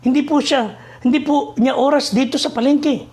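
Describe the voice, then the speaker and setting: A man voicing Death as a polite, calm, hooded skeleton in a sermon story. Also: extremely high pitch, normal speed. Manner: soft, courteous, explaining.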